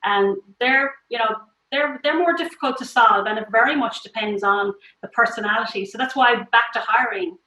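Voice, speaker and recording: A woman's voice: a little high, normal speed, pushed and bright, echoey room, rough recording. A woman giving explanatory, conversational interview answers over a video call. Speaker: tech industry interviewee.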